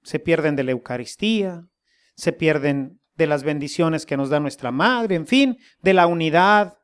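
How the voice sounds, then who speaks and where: Slow folksy Mexican preacher. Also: medium pitch, lively intonation, clean tone. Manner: folksy, humorous, rhetorical questions. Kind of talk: sermon.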